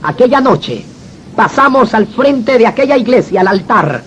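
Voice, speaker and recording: A man's voice: extremely high pitch, big pitch swings, normal speed, fairly bright tone, a little hiss or hum, low-quality recording. A man giving a religious conversion testimony, telling it dramatically and addressing the listener as brother. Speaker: former gang member giving a testimony.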